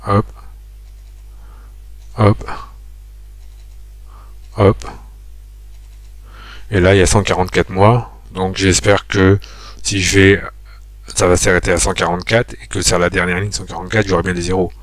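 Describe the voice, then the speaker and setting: A man giving a screen-recorded spreadsheet tutorial, thinking aloud with many pauses and fillers as he talks viewers through each step. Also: sits low, flat delivery, dry recording.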